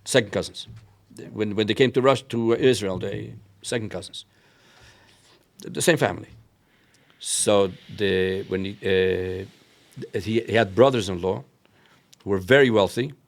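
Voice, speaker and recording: Low, creaky-voiced man with inflection. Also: a little slow, long pauses. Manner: mixes in many Yiddish and Hebrew words. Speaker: interview guest, rabbi telling family history. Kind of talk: conversational storytelling.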